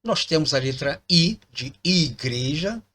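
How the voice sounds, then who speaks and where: A man's voice: a little high, lively intonation, normal speed, fairly bright tone. A man giving a patient lesson on Hebrew vowel points, repeating words and checking in with the listener. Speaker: teacher of biblical Hebrew. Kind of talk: explanatory lesson pointing at text.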